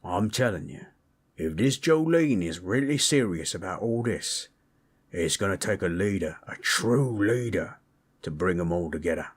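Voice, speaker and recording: In an intimate comfort roleplay, a man voices a gentle, proud orc warrior who tells tales in a folksy, rough-hewn, husky manner, affectionate and teasing. His voice is low and animated at a moderate pace, and the mood feels earnest and resolute.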